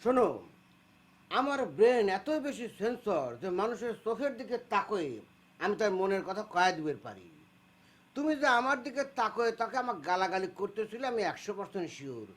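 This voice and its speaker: An excitable meddling uncle. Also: male voice, high-pitched, moderate pace. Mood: boastful. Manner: boastful, excitable. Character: meddling young maternal uncle, know-it-all and excitable. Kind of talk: comic TV drama acting.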